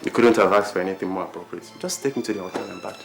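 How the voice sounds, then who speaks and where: A man's voice: sits low, very fast, vocal fry. A male actor playing a soothing, deferential friend of a lady lawyer in a film drama. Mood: placating. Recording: echoey film scene under music.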